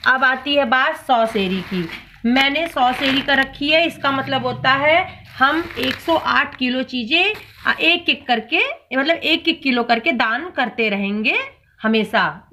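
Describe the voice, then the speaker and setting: A woman's voice: high voice, sharp tone, a little hiss or hum. A woman hosting a cooking channel, narrating a casual home vlog and explaining each item as she counts it out. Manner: homely, explanatory, counting items aloud.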